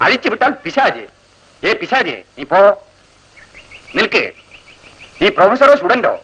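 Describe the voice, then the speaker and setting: A man's voice: high-pitched, very animated, moderate pace, dull audio, crowd noise. An actor playing a jeering male college senior who sneers and scolds, in 1980s film dialogue. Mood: sneering.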